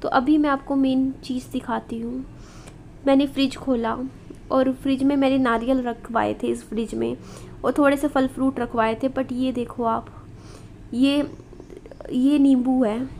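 A woman's voice: high voice, fairly even intonation, a little slow, a little mellow, a little hiss or hum. A woman in her thirties filming a home vlog as she walks through a house indoors, talking confidingly to her viewers and putting rhetorical questions to them. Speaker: vlogger.

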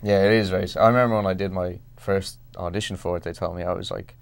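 A young man from Ireland with an Irish accent, an actor chatting casually in an interview, halting and self-deprecating with lots of restarts. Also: deep voice, fairly even intonation, creaky. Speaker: actor guest.

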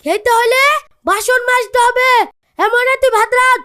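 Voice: very high voice, steady tone, normal speed, sharp tone. A performer playing a bossy, harried father in a family drama, scolding and ordering the household. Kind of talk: Bengali family drama acting.

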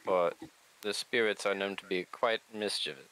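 A man's voice: deep voice, moderate pace, sharp tone, clear, resonant tone, poor audio. A man voicing a sleazy, ingratiating salesman with a posh English accent in a tabletop game. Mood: smooth caution. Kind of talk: tabletop role-play.

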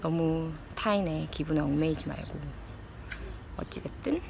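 Woman, thirties, fairly low pitch, reflective vlog chat, pauses for words, noisy outdoor phone recording. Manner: musing, halting short phrases with pauses to search for words. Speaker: vlogger. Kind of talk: casual reflective chat to camera. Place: outdoors in an open park with trees. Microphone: phone held at arm's length. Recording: clear outdoor background noise. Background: outdoor park ambience.

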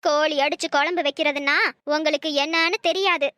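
A woman's voice: high-pitched, steady tone, brisk, pushed and bright, no room sound, studio quality. A woman voicing a bossy old mother-in-law in a cartoon, scolding and threatening.

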